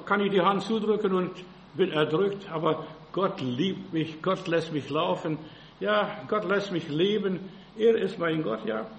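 Male preacher, high gravelly voice, fervent sermon, keeps saying "ja", roomy echo. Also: a little hiss or hum. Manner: fervent, repeats "ja" constantly, acts out frightened voices.

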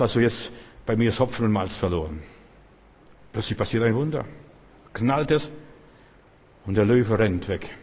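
A husky-voiced male preacher delivering an emphatic sermon, stacking repeated phrases and pushing up in bursts. His voice is slightly breathy and rings out with a long reverb, as if recorded in a church hall. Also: medium pitch, darkish tone.

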